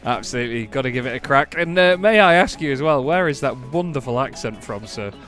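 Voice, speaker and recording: A man's voice: medium pitch, lively intonation, fast talker, fairly bright tone, faint music behind. A British man hosting a sim-racing broadcast, upbeat and cheeky, using lots of slang. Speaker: race commentator and host.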